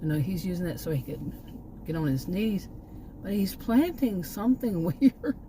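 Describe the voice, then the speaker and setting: Expressive and mellow, this fairly low-pitched voice belongs to a middle-aged Texan vlogger chatting at a moderate pace near a park. She rambles, drifting off and returning to her point, with slight background noise.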